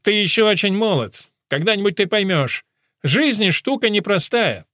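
A man's voice: sits high, lively intonation, normal speed, pushed and bright, no room sound, clean studio sound, voice pushed up. A man doing a breezy, patronizing middle-aged father. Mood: smug. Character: smug, cheerful middle-aged father, condescending charmer.

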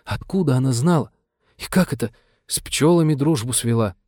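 A man's voice: mid-range voice, lively intonation, normal speed, mellow, no room sound, studio quality, voice pushed up, natural voice. A man voicing a hesitant, baffled young man who asks flustered questions.

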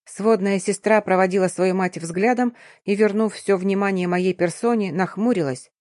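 A woman narrating a first-person audiobook in a steady, even storytelling read. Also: medium pitch, moderate pace, no room sound, clean studio sound.

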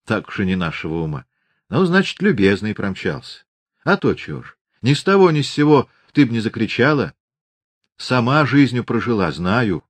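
A man's voice: lowish voice, big pitch swings, normal speed, dry recording. A stubborn old peasant widow, nosy and scolding, with a folksy way of talking, played by a man narrating a novel. Her voice rises and falls a lot. It sits close and dry on the mic. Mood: prying.

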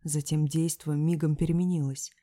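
Woman narrator, deep voice, dry close sound, emotional audiobook reading, hushed to anguished. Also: little pitch movement, normal speed, no room sound. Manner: emotional, shifts between hushed whispers and anguished cries. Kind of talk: first-person dramatic audiobook reading.

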